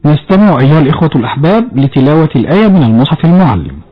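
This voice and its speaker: A man's voice: on the high side, very animated, phone-quality sound. A man hosting a broadcast religious program, giving formal prompts to the teacher. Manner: quick, formal prompts to the sheikh. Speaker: program host.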